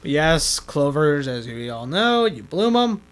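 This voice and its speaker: Man, slightly high voice, lively and unhurried pitch, rambling let's-play narrator who keeps correcting himself. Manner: rambling, self-correcting, laughs at own slips. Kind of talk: casual gameplay commentary.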